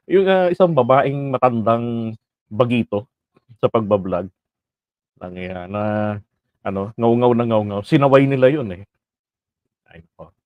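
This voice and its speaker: A man's voice: mid-range voice, expressive, unhurried, long pauses, no room sound, phone-quality sound. A man with a Filipino accent doing casual political commentary on a livestream, chatty and rhetorical, often laughing and slipping into English phrases.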